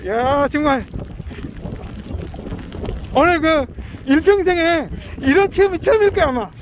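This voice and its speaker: Exclamatory man shouting over loud wind. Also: very high-pitched, expressive, measured pace. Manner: exclamatory, repeats short encouragements and instructions. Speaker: fishing guide and pension host. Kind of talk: casual chat while coaching guests at fishing. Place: outdoors by the sea in rain and wind. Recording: loud wind and rain on microphone.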